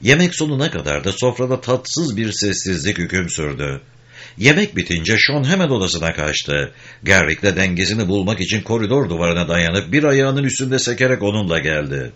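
A man narrating an audiobook with expressive storytelling. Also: deep voice, normal speed. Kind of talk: scripted narration. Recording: dull lo-fi recording.

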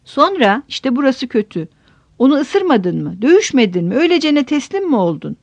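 A woman's voice: sits high, big pitch swings, moderate pace, creaky, darkish tone, dry recording, pitched above the performer's own voice, heavily acted. A woman voicing a feverish, prying middle-aged village headman who keeps pressing with repeated questions. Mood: urgent. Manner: insistent, repetitive questioning.

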